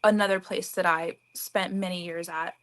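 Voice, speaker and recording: An American woman in her twenties co-hosting a casual livestream, telling a personal story in a lively way. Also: on the low side, normal speed, low-quality recording. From United States. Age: 20s. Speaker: livestream co-host.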